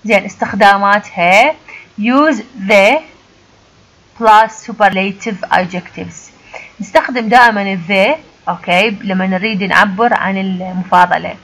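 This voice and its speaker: A woman with an Iraqi Arabic accent who teaches English. She explains a grammar lesson step by step, reads the English examples slowly and then translates them. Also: medium pitch, a bit bright, low-quality recording. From Iraq.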